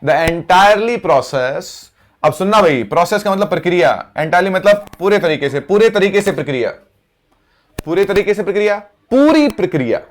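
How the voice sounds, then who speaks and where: A man teaching English vocabulary, repeating each word slowly as he writes it out. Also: high-pitched, lively intonation. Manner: slow, repeats words while writing on board. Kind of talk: vocabulary lesson.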